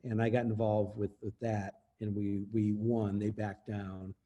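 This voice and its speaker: A man's voice: lowish voice, flat delivery, a little slow, mellow, muffled recording. A man speaking as an interview guest, explaining copyright law in an emphatic way and laughing often. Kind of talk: explanatory casual talk.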